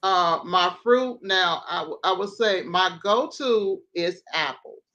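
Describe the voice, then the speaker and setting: A woman's voice: fairly low pitch, expressive, takes it slowly, sharp tone. A woman hosting a casual livestream over a video call, chatty, running through lists of things at an easy pace. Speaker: host. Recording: dull lo-fi stream audio.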